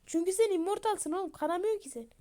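A woman's voice: very high voice, fast talker, dark tone, pitched above the performer's own voice. A woman voicing a smug, scheming male commander who explains his plans in a game story.

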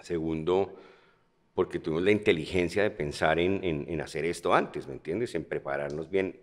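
A man's voice: sits low, normal speed. A man with a Colombian accent, a guest actor on a podcast, telling stories in a joking, slangy way. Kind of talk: casual podcast conversation.

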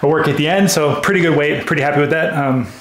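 A man's voice: a little high, quick pace, echoey room. A man explaining his workout between sets in a casual training vlog, out of breath and using a lot of fillers. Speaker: golf speed trainer. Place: small gym room.

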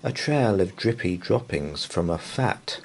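In a low-pitched, animated voice with a breathy edge, a man reads a bedtime story for children. He performs it playfully and theatrically, stretching out his delivery.

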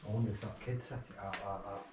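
A man's voice: on the low side, fairly even intonation, quick pace, highs cut off, very noisy. A man with a Yorkshire accent talking bluntly and swearing a lot while exploring a derelict factory. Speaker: urban explorer. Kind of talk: casual chat while exploring. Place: indoors, derelict factory buildings.

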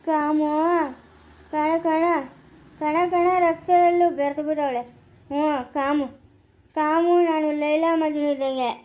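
A woman with a rural Karnataka Kannada accent playing a meddlesome village woman who goads and teases with quick jibes in an amateur family skit. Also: high voice, steady tone, a little mellow. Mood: teasing. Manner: teasing, goading, quick jibes.

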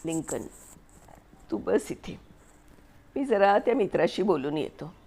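A woman voicing a calm, patient husband who speaks softly and low. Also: unhurried, heavily acted. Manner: soft and hushed.

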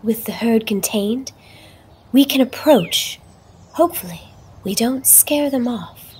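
A woman narrating in a mock nature documentary style, hushed and often whispering, solemn and dramatic. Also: on the high side, expressive, takes it slowly, a little hiss or hum.

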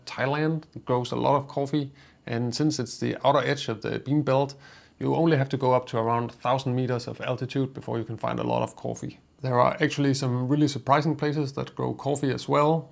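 A man in his thirties casually explaining tips to the camera from a small studio, relaxed and chatty with frequent fillers. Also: mid-range voice, vocal fry. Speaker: coffee vlogger. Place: small indoor studio with coffee gear behind.

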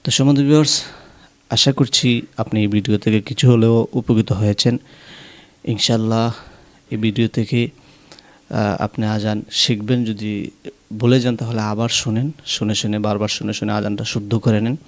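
A man with a Bangladeshi Bengali accent giving a pronunciation lesson, explaining calmly and then chanting long, drawn-out sung phrases. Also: fairly low pitch. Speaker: azan teacher.

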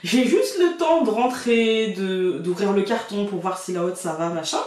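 A woman's voice: mid-range voice, normal speed, a little mellow. Woman vlogger, colloquial and laughing storyteller, recorded at a distance in a reverberant room. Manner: chatty, colloquial, laughs often. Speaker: card reader and vlogger. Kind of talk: casual storytelling to camera. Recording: very echoey room, far from the mic.

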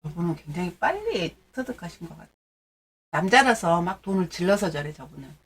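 A woman's voice: on the low side, sing-song, brisk, breathy edge. A middle-aged woman hosts a live stock-trading stream and keeps up a chatty, teasing patter with her viewers. She answers their messages and tips as they come in, scolding and joking in a loose, familiar way. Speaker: stock-trading livestream host. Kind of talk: casual livestream chat.

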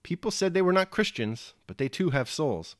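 A man voicing a gentle old peasant soldier who speaks in homely proverbs, his voice raised above his own. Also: fairly high pitch, sing-song, moderate pace, no echo, clean studio sound, voice pushed up. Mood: musing. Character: kindly old male peasant soldier, folksy.

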